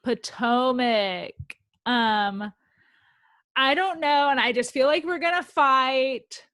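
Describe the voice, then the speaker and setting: A young woman co-hosting a podcast, chatting excitedly about reality TV with lots of "like" and "um". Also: sits high, slow pace, dry recording. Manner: chatty, excitable, says "like" and "um" often. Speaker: podcast co-host. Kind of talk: casual chat about reality TV.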